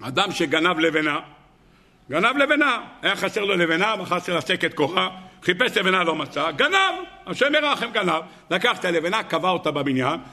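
A rabbi giving a Torah lesson, telling stories in an animated way and asking rhetorical questions. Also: male voice, high-pitched, few pauses.

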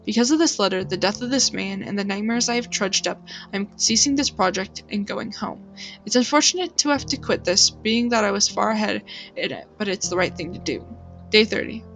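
Woman reading a creepy story, calm and solemn, normal pitch, soft music in back. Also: a little fast. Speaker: narrator. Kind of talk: reading a horror story aloud.

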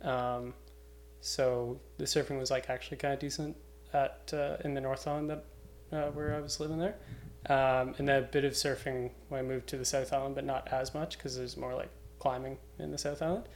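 Flat in delivery and at normal speed, this young Cape Breton route setter talks informally on a podcast, cursing freely in easygoing conversation. His voice sits in the mid range, and a little hiss or hum can be heard.

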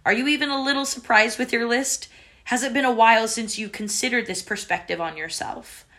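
A woman's voice: on the high side, a little fast, bright, forceful tone. A woman hosting a faith book club discussion on a video call, speaking in an encouraging, reflective way. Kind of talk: casual group discussion.

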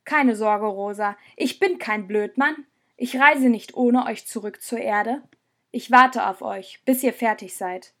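Brief: resentful young man, quietly bitter; female narrator voices him, slightly high. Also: unhurried. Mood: resigned. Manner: resentful, reproachful. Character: hurt, bitter young man leaving his friends. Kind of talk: audiobook character voice.

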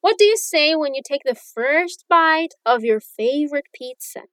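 Casting High-pitched woman podcast teacher, clear and encouraging, dry close sound. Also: animated, unhurried, fairly bright tone, no room sound. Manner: clear, upbeat teacher modeling phrases for repetition. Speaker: English teacher, podcast host. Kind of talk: bilingual language lesson podcast. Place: lives in New Zealand.

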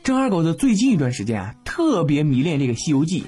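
A man's voice: fairly high pitch, big pitch swings, fast talker, warm tone. A man, hosting a comedy podcast and telling jokes in a playful, slangy way. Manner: playful, laughs often, slangy. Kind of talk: casual joke telling.

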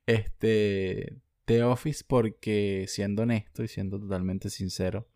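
Profane Venezuelan man, gravelly. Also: fairly low pitch, fairly even intonation, takes it slowly, warm tone, no room sound, studio quality. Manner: blunt, profane, ranting. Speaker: vlogger. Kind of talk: casual monologue answering viewer comments.

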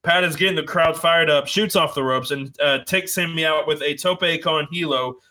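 A man narrating a wrestling video game as play-by-play commentary, excitable, with frequent fillers and self-corrections. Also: fairly high pitch, moderate pace, rough recording.

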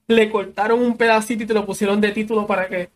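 A man's voice: high-pitched, level tone, fast. A man co-hosting a casual podcast chat, musing and thinking aloud as he talks. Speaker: podcast co-host.

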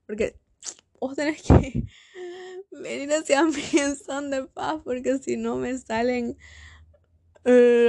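A woman's voice: on the high side, a little mellow, no echo, studio quality. Sarcastic young woman, rambling. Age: young adult. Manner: sarcastic, rambling, quick asides. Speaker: podcast host. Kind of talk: casual solo podcast rant.

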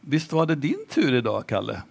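A man voicing a sly little girl who teases her older brother in a hushed voice. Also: mid-range voice, huge pitch swings, vocal fry, heavily acted. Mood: teasing.

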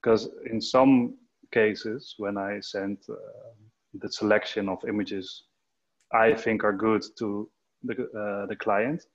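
A man's voice: on the low side, muffled recording. A photographer chatting casually over a video call, hesitant and restarting his sentences often. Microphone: headset.

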